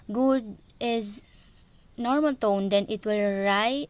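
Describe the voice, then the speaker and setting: A woman's voice: medium pitch, takes it slowly, clear, resonant tone, no room sound, lo-fi sound. A woman with a Filipino accent giving a class presentation, switching between English and Filipino as she explains step by step. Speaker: student presenter.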